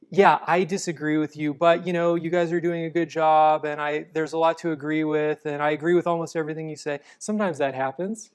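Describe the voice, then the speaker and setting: This apologetics guest gives conversational interview answers in a smooth, clear, fairly high-pitched male voice. He's a patient explainer, calm and measured, though he restarts his sentences often.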